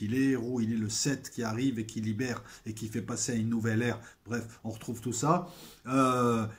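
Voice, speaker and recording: A man in a middle pitch talks straight to his audience in a loose, unscripted monologue. He stops and restarts often, filling gaps with hesitations. On the points he wants to land, his voice swells louder. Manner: hesitant, many fillers and restarts; emphatic, swelling loudness on key points. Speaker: video essayist. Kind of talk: casual spoken monologue to viewers.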